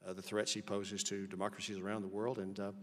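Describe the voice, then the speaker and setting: A congressman with a West Texas twang questions witnesses at a formal hearing in a halting, folksy way. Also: on the low side, monotone, fairly bright tone. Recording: reverberant hearing hall.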